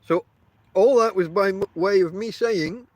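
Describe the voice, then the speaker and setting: Toothless man rambling, slightly high voice. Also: measured pace, dry recording. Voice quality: toothless, lips-over-teeth articulation. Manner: self-deprecating, wry banter. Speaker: podcast host. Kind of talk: casual rambling podcast talk.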